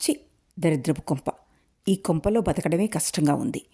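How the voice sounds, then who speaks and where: Short-tempered storybook father, scolding and barking questions, read by a woman in a low, mellow voice. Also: lively intonation, normal speed, breathy edge, exaggerated voice. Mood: angry scolding. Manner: scolding, shouting demands. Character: angry middle-aged father, short-tempered.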